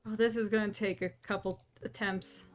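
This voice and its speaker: A woman streamer playing a game and chatting casually, reacting loudly when things go wrong. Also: mid-range voice, flat delivery, normal speed, faint music behind. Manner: reacts loudly to her own misses. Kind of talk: casual chat while gaming.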